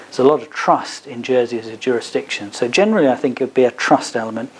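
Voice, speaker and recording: At a seminar held in a business hub, a male lawyer fields questions, explaining things hesitantly. He has a mid-range voice and talks fast, and faint background noise can be heard.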